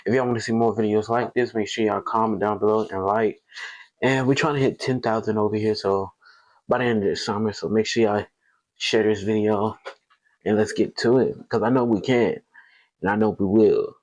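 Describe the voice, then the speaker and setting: A man's voice: lowish voice, fairly even intonation, normal speed, dry recording, low-quality recording. A man hosting a reaction video, chatting casually and addressing viewers as "y'all" in a laid-back way.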